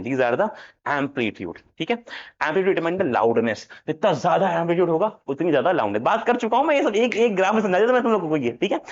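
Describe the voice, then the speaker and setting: A man teaching a lesson, playful and jokey, switching between Hindi and English. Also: a little high. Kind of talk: animated classroom lecture. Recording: dull lo-fi sound.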